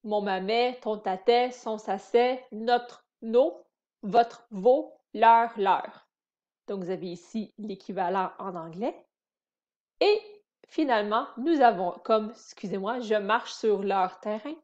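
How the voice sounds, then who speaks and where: A woman giving a slow, patient grammar lesson, repeating and spelling out words for beginners. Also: mid-range voice, darkish tone, dull audio. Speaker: French teacher.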